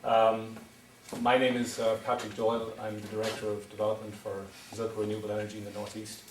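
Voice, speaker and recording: Speaking fast in a low-leaning monotone, a middle-aged Irishman from County Wexford presents as a wind energy developer at a town meeting, hesitating with ums and restarts. The echoey hall is recorded from far off, with slight background noise.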